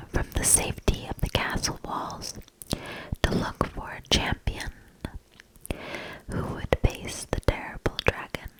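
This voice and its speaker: The audio is poor as a woman reads a storybook aloud for ASMR. She whispers breathily and gently, taking her time and dwelling between short phrases.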